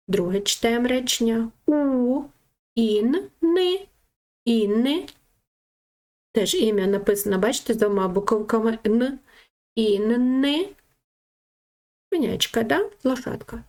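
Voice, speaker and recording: A woman giving a children's reading lesson, sounding out syllables slowly and asking the children lively questions. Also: a little high. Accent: Ukrainian. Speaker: teacher.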